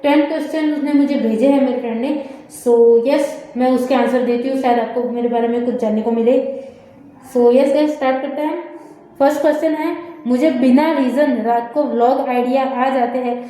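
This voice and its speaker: Young woman, unwell vlogger, high mellow voice, rambling soft chat into a handheld phone in a very echoey room. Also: fairly even intonation, moderate pace. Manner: soft-spoken, rambling, many fillers. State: unwell, low energy. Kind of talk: casual vlog chat. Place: room upstairs at home. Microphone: phone held in hand.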